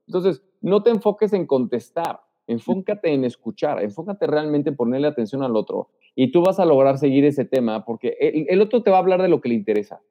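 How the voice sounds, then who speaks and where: Animated man with a dull, roomy sound. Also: fairly high pitch, a little fast, hardly any pauses. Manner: animated, acts out example lines. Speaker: guest. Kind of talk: casual interview talk. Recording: dull sound with long reverb.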